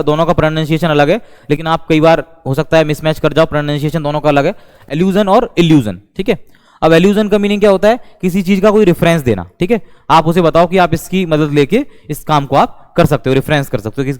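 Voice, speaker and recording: A man's voice: fairly high pitch, fast, darkish tone, clear, resonant tone, big-room sound. A man with an Indian accent teaching English vocabulary in a lecture, repeating terms as he explains. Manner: repeats words, mixes Hindi and English.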